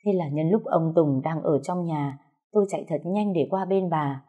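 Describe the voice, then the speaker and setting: Low husky woman narrating a story. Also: normal speed, phone-quality sound. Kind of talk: first-person story narration.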